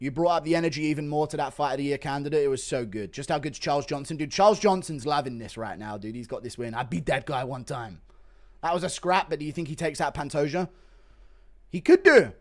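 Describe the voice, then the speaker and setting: Male fight-reaction streamer, high voice, sweary and excitable, moves between calm chat and shouted calls. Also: fast. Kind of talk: live fight commentary and casual chat reaction.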